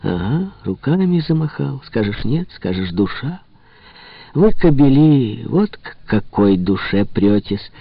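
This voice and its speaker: A man's voice: medium pitch, sing-song, a little slow, no echo, pitched above the performer's own voice. A man doing a bitter, mocking wild young woman. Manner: mocking, impulsive. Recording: slightly dull lo-fi recording.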